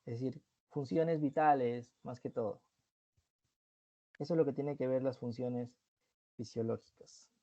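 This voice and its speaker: A man's voice: mid-range voice, steady tone, unhurried, long pauses, dull audio. A man teaching an online review class, explaining terms step by step and often checking in with the students.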